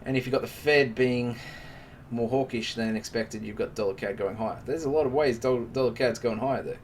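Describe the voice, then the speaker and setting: A man running a live trading stream, chatting casually and joking with his viewers as he goes through the market. His voice sits at an ordinary middle pitch. The mic is set back a little and picks up a faint background hiss. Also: fairly quick, far from the mic.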